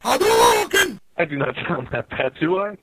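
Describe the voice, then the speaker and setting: A man's voice: sits high, wildly swooping pitch, slow pace, bright, forceful tone, breathy edge, no echo. A man chatting casually on a podcast while calling in remotely, his voice coming through a tinny, garbled, phone-like connection. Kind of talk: casual chat. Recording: tinny distant line, lo-fi.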